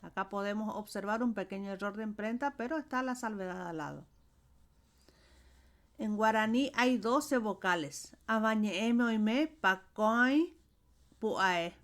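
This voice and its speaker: Slow, careful woman language teacher. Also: mid-range voice. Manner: spells out sounds and words one by one, stressing final syllables. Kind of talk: slow explanatory lesson.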